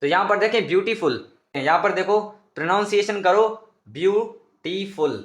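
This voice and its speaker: Guy teaching grammar, high voice, patient and repeats himself a lot, echoey room. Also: fairly quick, a bit bright. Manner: patient, repetitive, addresses viewers as students. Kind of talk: explanatory classroom lesson.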